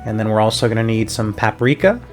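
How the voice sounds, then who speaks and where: A young man from Puerto Rico hosts a casual cooking vlog, walking through a recipe step by step in a chatty, upbeat way. His lowish voice is expressive, he talks fast, and soft music plays in the background.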